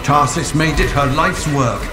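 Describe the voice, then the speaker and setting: Over game music with an echo on his voice, a man with a fairly high pitch plays a solemn ancient lancer, a lore-keeper presiding over trials. His unhurried, lightly acted delivery is grave, archaic and declamatory, as fits scripted ceremonial game narration.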